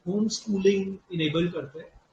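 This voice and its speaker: A man's voice: high-pitched, normal speed, dark tone. A man, an educator, talking in a casual interview over a video call, his voice breaking up on a bad connection, explaining at length with fillers and self-corrections. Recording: dull echoey video-call audio with faint noise.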